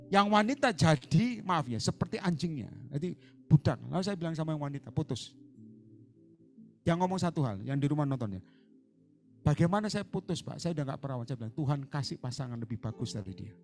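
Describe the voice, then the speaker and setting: Pastor guy preaching loud then quiet, slightly high voice, soft music underneath. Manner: swings between soft asides and loud fiery exhortation; mixes English words into his preaching. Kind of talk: sermon. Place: church hall.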